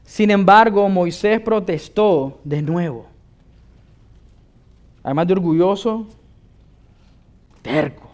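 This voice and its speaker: Male pastor with a high-pitched voice, preaching an emphatic sermon. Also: takes it slowly, pauses often, darkish tone. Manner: emphatic, asks listeners rhetorical questions.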